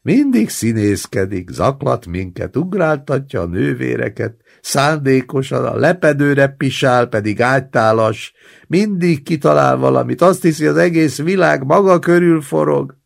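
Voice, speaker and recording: A man's voice: mid-range voice, lively intonation, creaky, voice pushed up. A man voicing an irritated male hospital roommate who scolds and complains. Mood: scolding.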